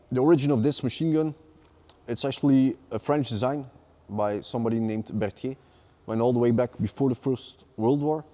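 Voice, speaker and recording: A man's voice: medium pitch, dark tone. A man co-hosting, explaining casually and repeating words as he restarts. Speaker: co-host.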